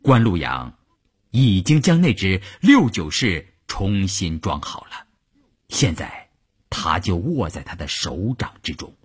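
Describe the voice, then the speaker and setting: Husky male radio storyteller, very expressive. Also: sits low, slow. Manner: dramatic, with wide swings between hushed and raised delivery.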